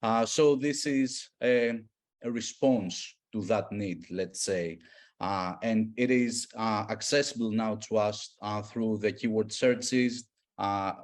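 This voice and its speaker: A man from Greece, presenting a data tool in an online workshop, explaining step by step with many pauses and fillers. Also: on the low side. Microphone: video call.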